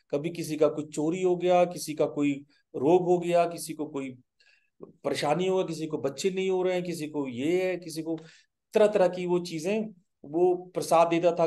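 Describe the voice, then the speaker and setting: A man telling a spiritual story in a webinar, unhurried and pausing on fillers. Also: fairly high pitch, a little mellow. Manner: unhurried, slips in fillers and short asides while telling the tale. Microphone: video call.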